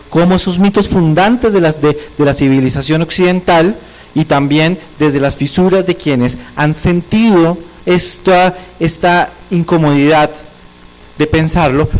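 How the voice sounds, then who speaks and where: A man with a fairly high-pitched voice offers reflective commentary as a seminar discussant. He speaks in short, measured phrases and builds his ideas slowly and philosophically. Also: darkish tone, low-quality recording.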